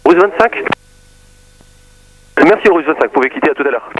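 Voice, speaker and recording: A man's voice: fairly high pitch, expressive, moderate pace, low-quality recording. A man giving informal, conversational air traffic control instructions over the radio. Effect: radio transmission.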